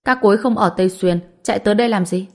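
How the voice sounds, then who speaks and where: A woman's voice: medium pitch, very fast, natural voice. A woman voicing an anxious, capable scholar who questions urgently in a storybook reading.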